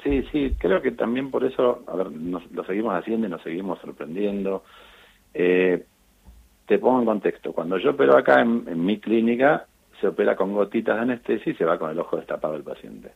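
Gravelly Argentine man on a tinny line. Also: lowish voice, a little fast. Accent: Argentine Spanish. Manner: animated storytelling with frequent fillers and restarts. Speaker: eye surgeon on charity missions. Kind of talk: relaxed interview talk. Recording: tinny phone-line sound.

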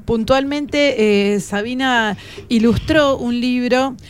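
A woman's voice: on the high side, slow pace, smooth. An Argentine woman co-hosting a radio interview, explaining her points with fillers along the way. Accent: Argentine Spanish. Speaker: radio co-host.

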